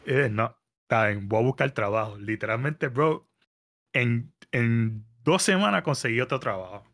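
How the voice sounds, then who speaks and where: A man, telling a story in casual podcast chat, animated and mixing in English words. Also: medium pitch, normal speed. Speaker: podcast guest. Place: New York area.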